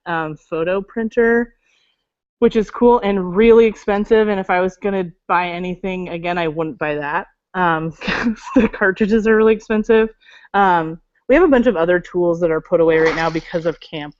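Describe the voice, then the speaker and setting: A woman's voice: lowish voice, moderate pace, a little mellow, no echo. Chatty woman on a muffled video call. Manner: chatty, many fillers, laughs. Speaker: library makerspace staff member. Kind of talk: casual video call interview. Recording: dull lo-fi video call audio.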